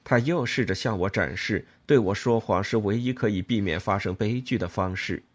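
Husky man reading a novel aloud. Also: fairly low pitch, normal speed. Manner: expressive, dramatic reading. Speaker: audiobook reader. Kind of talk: scripted novel narration.

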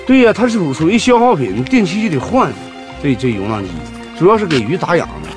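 A folksy, teasing boss. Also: male voice, fairly high pitch, very animated, quick pace, over music. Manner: folksy, teasing, plain-spoken. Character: folksy male rural business boss, blunt joker. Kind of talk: TV series acting.

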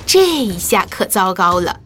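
A woman narrating a children's story in a lively, expressive way. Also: mid-range voice, a little slow, slight background noise. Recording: faint music behind.

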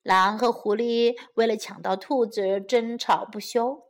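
A woman narrating a bilingual children's story in a gentle, expressive read-aloud manner. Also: on the high side, measured pace.

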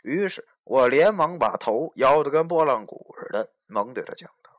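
A man narrating a novel dramatically, shifting between hushed whispers and loud outbursts. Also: mid-range voice, animated, moderate pace. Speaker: audiobook narrator. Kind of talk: dramatic storytelling.

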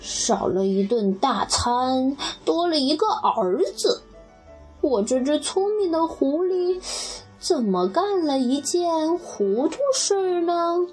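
A woman voicing a clever, greedy male fox who mutters to himself in a lower voice in a children's story. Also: animated, slow, darkish tone, faint music behind. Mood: grumbling, flustered. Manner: lower, muttering self-talk.

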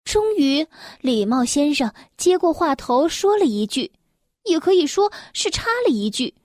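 A woman reading a children's story aloud in a gentle, expressive storytelling voice. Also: high-pitched, unhurried, no echo, clean studio sound.

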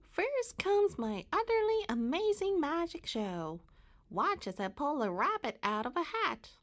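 Mary Moo Cow, squeaky showy entertainer voiced by a woman. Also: sing-song, measured pace, a bit bright, exaggerated voice. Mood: showy, boastful. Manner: theatrical, hammy announcing.

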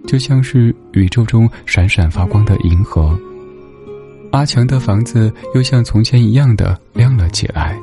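A man narrating a storybook in a gentle, unhurried way. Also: on the low side.

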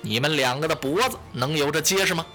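Chill sly fortune teller guy, voice dropped low, slow and knowing, storyteller putting him on. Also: bright, forceful tone, faint music behind. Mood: calm. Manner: unhurried, mocking. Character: calm, wry male fortune-teller, thirtyish, master fighter.

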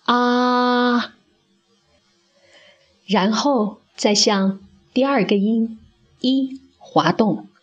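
A woman teaching English pronunciation in a scripted phonics lesson, speaking slowly and carefully and demonstrating sounds for the listener to repeat. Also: mid-range voice, husky, lo-fi sound.

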